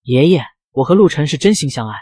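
A bashful young woman with a stubborn streak, pouting and talking back, read by a male narrator. She speaks quickly, with a bouncing pitch and a breathy huskiness. The sound is close and dry, like a comic storybook read-aloud. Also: lively intonation, darkish tone, no echo. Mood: shy. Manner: shy, pouting.

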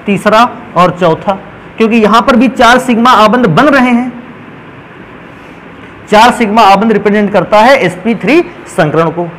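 A man's voice: high-pitched, slight background noise, low-quality recording. A man teaching a chemistry lesson step by step, calling his students "beta" as he works through examples. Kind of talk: whiteboard lesson.

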